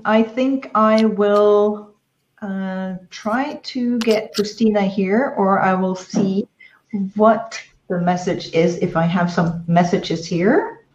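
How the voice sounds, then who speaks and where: A woman moderating an online event, talking with many fillers and pauses over a video call. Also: medium pitch. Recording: roomy, dull lo-fi online call.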